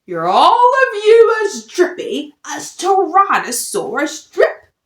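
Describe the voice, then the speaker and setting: A woman voicing a gruff, scornful father tyrannosaur in a storybook, scoffing and commanding. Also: extremely high pitch, wildly swooping pitch, slow pace, a bit bright, pitched above the performer's own voice, full character voice. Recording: roomy echo.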